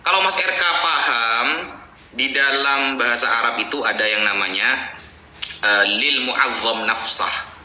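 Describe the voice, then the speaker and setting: Very bright lecturing preacher. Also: male voice, medium pitch, a little slow, roomy sound, low-quality recording. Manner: explanatory, gently dismissive, lecturing. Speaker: Islamic preacher answering a challenge. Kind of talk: reaction commentary.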